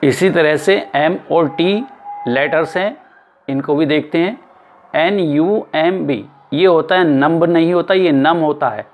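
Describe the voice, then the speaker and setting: A male teacher giving an explanatory lesson, spelling words out letter by letter and repeating them slowly. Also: fairly high pitch, a little hiss or hum. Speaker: English teacher.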